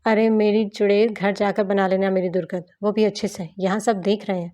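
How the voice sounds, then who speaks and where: A woman's voice: medium pitch, flat delivery, dark tone, lightly acted. A woman voicing a playful, teasing young husband while reading a novel aloud.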